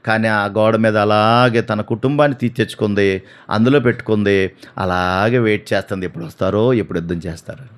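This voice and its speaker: A man preaching a sermon, animated, acting out voices and asking the congregation questions. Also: fairly low pitch, brisk.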